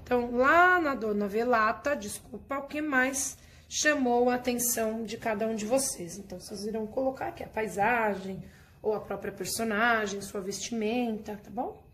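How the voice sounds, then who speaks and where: A woman's voice: on the high side, moderate pace, a bit bright, a little hiss or hum. A woman teacher walking her class through a workbook lesson in a patient, explanatory way, checking in with her students often.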